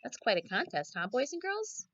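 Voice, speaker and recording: Reading a children's picture book in teacher fashion, a woman uses a fairly high, fairly bright voice with huge swings in pitch at a moderate pace. She's expressive and repeatedly asks the young listeners questions along the way. There's no echo, and the audio sounds dull.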